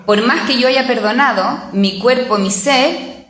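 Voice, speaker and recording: A woman's voice: fairly high pitch, unhurried, fairly bright tone. A woman theologian gives a conversational talk in a parish, often checking in with her listeners and acting out inner voices. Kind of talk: spoken lecture to a parish group. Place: parish hall. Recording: echoey parish hall.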